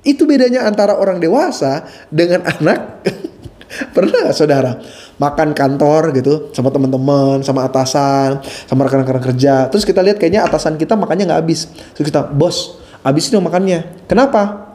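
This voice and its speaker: A man preaching a sermon as pastor, playful and animated, talking straight to the congregation and often laughing. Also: fairly high pitch, brisk. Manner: speaks directly to the congregation.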